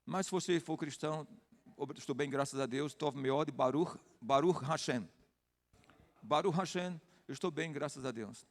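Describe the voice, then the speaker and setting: A man's voice: fairly high pitch, big-room sound. An older Brazilian man, a pastor, teaching a Bible study and greeting people in the congregation by name. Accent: Brazilian Portuguese. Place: church hall.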